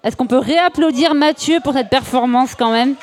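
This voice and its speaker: A woman's voice: high voice, normal speed, a little mellow. A woman hosting a live radio show in front of an audience, upbeat and handing off to guests.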